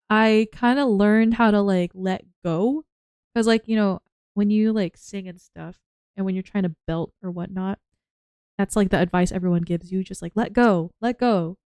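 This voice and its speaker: A woman streaming casually while drawing, rambling and interrupting herself as she jumps between topics, with a voice that is going hoarse. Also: medium pitch, warm tone, no room sound, clean studio sound. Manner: rambling, self-interrupting, chatty. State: losing her voice.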